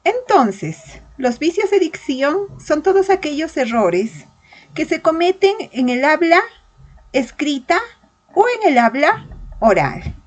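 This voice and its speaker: A woman teacher giving a verbal reasoning lesson, slowly and deliberately spelling out examples of correct and incorrect words. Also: high-pitched, low-quality recording.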